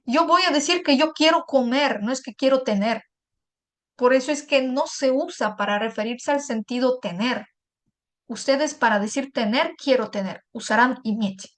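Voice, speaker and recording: A Russian teacher with a high voice gives a patient, step-by-step language lesson at a moderate pace. She repeats and translates each example, checking in with brief asides.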